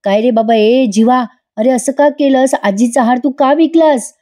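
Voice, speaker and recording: A woman's voice: high-pitched, normal speed, dark tone, voice pushed up, natural voice. A woman doing a pushy questioning young man. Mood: pressing. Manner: pressing, demanding. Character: worried young man questioning his brother.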